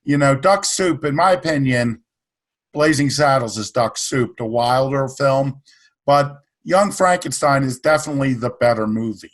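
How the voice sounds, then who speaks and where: A man's voice: medium pitch, moderate pace. A man talking casually about an old comedy film, rambling and correcting himself as he goes. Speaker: podcast co-host.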